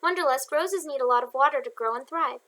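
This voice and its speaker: A woman reading the lines of a kind young man who offers gentle advice, in her own high voice. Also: fast talker, no room sound. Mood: advising.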